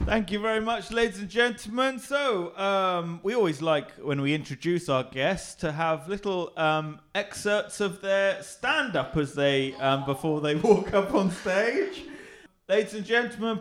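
Man, very high voice, casual chat show host. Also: measured pace, fairly bright tone. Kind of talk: casual live hosting chat.

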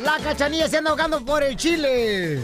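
A man's voice: very high-pitched, animated, over music. A man hosting a comedy radio show, trading playful teasing jokes. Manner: teasing, playful, quick insults. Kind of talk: joking comedy banter.

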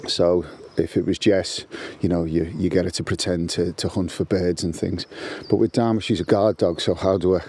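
A guest contributor walks his dog along a canal towpath, talking casually in a rambling monologue full of restarts and fillers. His voice sits low and darkish, with a steady tone, a moderate pace and few pauses. Birdsong and slight background noise surround him.

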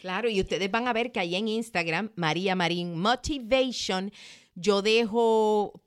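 A woman hosting a motivational podcast in casual chat, lively, acting out quoted complaints in a raised voice. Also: measured pace, clean tone. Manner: animated, acts out quoted complaints in a high voice. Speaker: podcast host.

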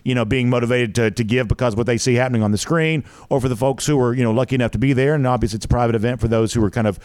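A man with a medium-pitched voice hosts a casual interview. The sound is dry, and he talks in long, winding, conversational sentences as he builds up his questions. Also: fairly even intonation, very fast, a little mellow, no echo. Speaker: interview host.

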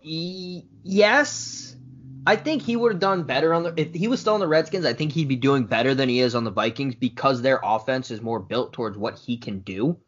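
A man co-hosting a sports podcast, speaking in a laid-back way and pitching trade ideas. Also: expressive, normal speed. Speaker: podcast co-host. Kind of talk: casual sports chat. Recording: dull lo-fi podcast audio.

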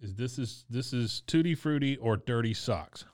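A man's voice: medium pitch, lively intonation, normal speed, a little mellow. A man co-hosting a casual chat while taste-testing candy, making wry, joking asides. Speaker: podcast co-host.

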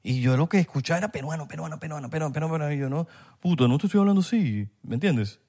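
A Venezuelan man in his thirties chats casually on a podcast, heavy on slang and quick to argue his point. His voice rises and falls in wide, lively swings. He speaks with a Venezuelan Spanish accent. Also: fairly high pitch. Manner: animated, slangy, argumentative. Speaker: podcast co-host. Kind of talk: casual chat.

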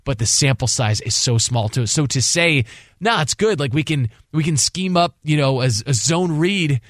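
A fairly high-pitched, expressive man co-hosts a sports radio show, working through his analysis off the cuff at a moderate pace and repeating phrases for emphasis. The unscripted talk is captured on a close studio broadcast mic, with clean studio sound and no room sound.

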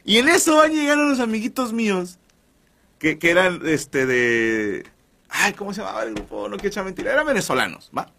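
A man's voice: sits high, sing-song, fairly quick, creaky, pushed and bright. A man hosting a podcast, telling crude, slang-heavy comic stories and calling his listeners brothers. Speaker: podcast host. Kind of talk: comedic storytelling monologue.

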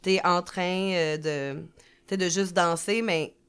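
A woman with a Québécois French accent speaks in a somewhat low, smooth, clear voice. She chats casually as a podcast guest and explains things with frequent fillers and restarts. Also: steady tone, a little slow, a bit bright. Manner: chatty, many fillers and restarts. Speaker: guest, drag performer.

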